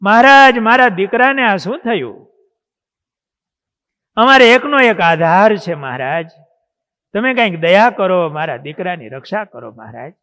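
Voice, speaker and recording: A man's voice: sits high, measured pace, bright, forceful tone, clear, resonant tone. A man voicing a grieving older mother who tearfully pleads for her son, in a reverberant hall. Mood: pleading. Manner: tearful, imploring.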